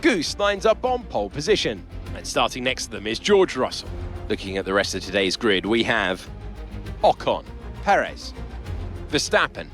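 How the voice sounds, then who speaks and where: A man voicing a male in-game race commentator, reading the grid in smooth broadcaster delivery. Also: mid-range voice, sing-song, normal speed, fairly bright tone, soft background music. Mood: measured.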